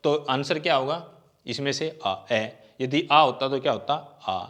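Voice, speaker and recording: A man's voice: medium pitch, lively intonation, a little slow, fairly bright tone. A man teaching an exam-prep grammar lecture. He asks questions and answers them himself, and he draws out vowel sounds as he demonstrates them.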